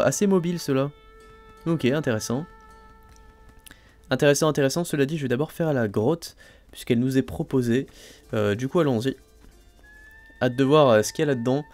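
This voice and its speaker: Chatty and thinking out loud, a man hosting a let's play talks over his game in a medium-pitched voice, packing in fillers like "euh" and "hein." Every new discovery draws an excited exclamation.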